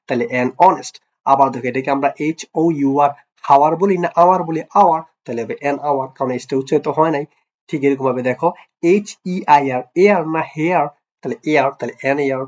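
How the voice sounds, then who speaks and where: A man's voice: mid-range voice, darkish tone. Bengali man teaching, dull lo-fi sound. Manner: repeats "clear?" and quizzes the listener; affectionate, teasing address to pupils. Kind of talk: classroom grammar lesson. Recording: dull lo-fi recording.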